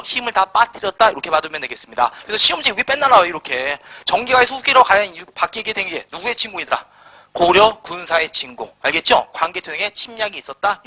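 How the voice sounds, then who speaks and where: A man's voice: sits high, sing-song, fast talker, pushed and bright. A man teaching a live history class, firing rhetorical questions at his students and answering them himself in casual, slangy speech. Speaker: Korean history lecturer.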